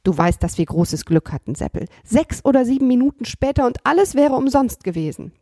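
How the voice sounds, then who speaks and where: A woman voicing a clever, cheeky puppet boy from a storybook. He talks briskly, coaxing and bossing, in a somewhat high voice, recorded dry and close. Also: sing-song, mellow, dry recording. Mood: coaxing, sly.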